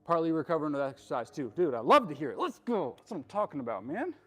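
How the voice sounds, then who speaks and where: A man hosting a live workout stream chats with viewers between lifts, coaching in a hyped-up, joking, bro-style way. His voice is fairly high-pitched and very animated, at a quick pace.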